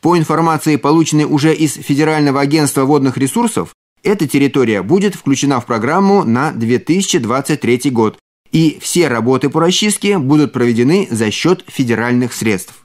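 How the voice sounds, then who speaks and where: A man's voice: medium pitch, a little fast. Man reading an eco news report. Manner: even, formal. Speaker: journalist.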